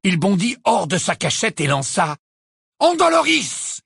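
An audiobook narrator reading a fantasy tale with dramatic, expressive delivery. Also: medium pitch, normal speed, breathy edge, no room sound, clean studio sound. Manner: expressive, lively storytelling.

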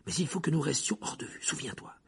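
An anxious teenage girl speaks in a hushed voice, as a man voices her. The reading stays soft and low, the gravelly husk of the reader still plain. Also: fast talker, heavily acted.

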